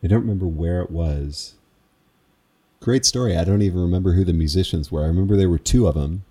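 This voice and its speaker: A man's voice: deep voice, fast talker, warm tone, breathy edge. A man who calls square dances, recalling in a casual interview how he learned his craft, in a meandering, reflective, self-amused way.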